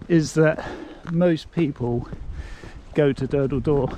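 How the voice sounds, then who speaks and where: An English man hosting a casual walking vlog outdoors on coastal cliffs, talking in a slow, relaxed, chatty way and getting out of breath on the hills. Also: on the high side, noisy background. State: out of breath on a hill. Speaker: vlogger host.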